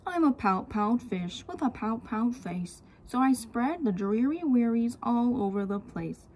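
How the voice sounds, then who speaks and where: A woman's voice: on the high side, expressive, unhurried, darkish tone, slight background noise. A woman voicing a glum, gloomy male fish in a children's storybook, speaking in mopey, resigned singsong rhyme.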